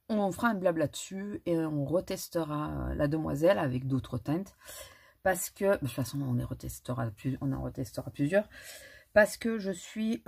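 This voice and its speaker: Woman, low voice, husky, chatty, hesitant, restarts often, casual makeup vlog at home. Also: a little mellow. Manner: chatty, hesitant, many restarts and little laughs. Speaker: beauty vlogger.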